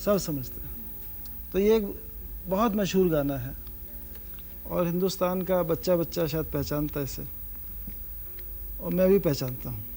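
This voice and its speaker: High-voiced man teaching sarod. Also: measured pace, pauses often, mellow, a little hiss or hum. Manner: asks the audience questions, sings sargam syllables. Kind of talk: lecture-demonstration to students.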